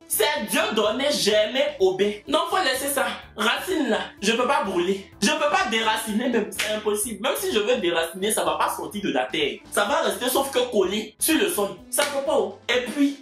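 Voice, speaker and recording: A man's voice: high-pitched, a bit bright. A man in his twenties with an Ivorian French accent, answering viewer questions in a joking, mock-boastful way. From Côte d'Ivoire. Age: 20s. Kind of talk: comic Q&A vlog. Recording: echoey room.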